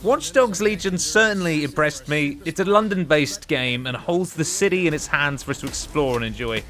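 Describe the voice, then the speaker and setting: A man reviewing games narrates a scripted top five countdown with an emphatic presenter's delivery. His voice is fairly high and bright, with lively intonation at normal speed, and faint music plays behind him.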